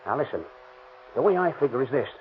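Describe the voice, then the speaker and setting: In a 1930s radio crime drama, a man plays a ruthless, bossy car thief, menacing and full of slangy tough-guy talk. His mid-range voice is very animated and fast, the acting light. The old recording sounds tinny with faint hiss.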